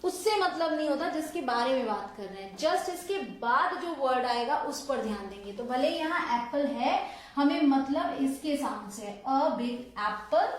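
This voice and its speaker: A woman teaching an online grammar lesson, explaining step by step and quizzing viewers with questions as she goes. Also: high-pitched. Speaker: English teacher. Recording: echoey room.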